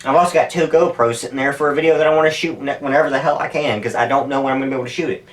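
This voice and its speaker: A man's voice: medium pitch, steady tone, very fast. A man talking casually to camera as a YouTuber, candid and profane, wandering from thought to thought. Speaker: YouTuber making stunt videos. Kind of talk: casual rambling talk to camera. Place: indoors at home, sitting in an ice bath. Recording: distant, off-mic camera audio.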